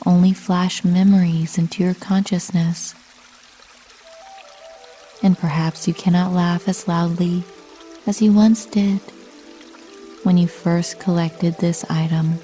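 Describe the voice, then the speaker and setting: Faint music plays behind a woman whose fairly low voice guides listeners through a sleep meditation told like a bedtime story. Her scripted delivery is measured and soothing, with long pauses between lines.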